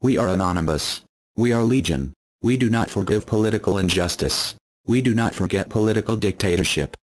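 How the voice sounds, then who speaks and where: A man speaking through a disguised deep voice, delivering a solemn scripted statement as a masked group's spokesman. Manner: solemn, measured, declarative. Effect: disguised deep voice, pitch-lowered. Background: music.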